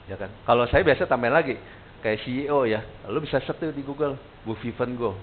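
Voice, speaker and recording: A man's voice: medium pitch, a little fast. A man teaching a live sales training session, talking casually and putting questions to the audience. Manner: casual, animated, quizzes the audience. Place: training room. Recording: tinny lo-fi sound with faint hiss.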